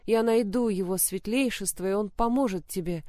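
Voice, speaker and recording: A woman's voice: mid-range voice, moderate pace, dark tone, dry recording, studio quality, natural voice. A woman voicing an anxious, tearful young noblewoman who speaks with urgent distress.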